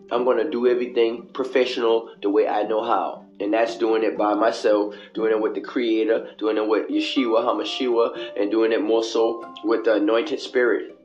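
A man's voice: mid-range voice, a little mellow, highs cut off. A man hosting his own radio show in a casual, motivational monologue, preachy and repetitive, with street slang and swearing, recorded on a cell phone headset in an echoing bathroom. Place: small indoor bathroom. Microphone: cell phone with headphones.

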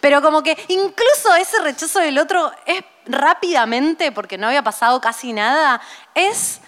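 A woman's voice: high voice, normal speed, long reverb tail. A woman in her late thirties with a Rioplatense accent, chatting casually and telling stories in detail as a podcast co-host. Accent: Rioplatense Spanish. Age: late 30s. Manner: chatty, animated storytelling. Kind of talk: casual chat.

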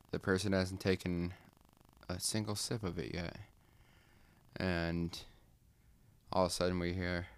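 A man's voice: low voice, fairly bright tone, clean tone. A man casually telling a made-up story with lots of fillers and restarts. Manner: rambling, filler-heavy storytelling. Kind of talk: casual comedic story pitch.

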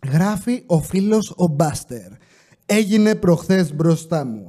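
A man's voice: sits high, mellow. A man hosting a casual podcast, joking around and reading listeners' stories aloud. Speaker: podcast host.

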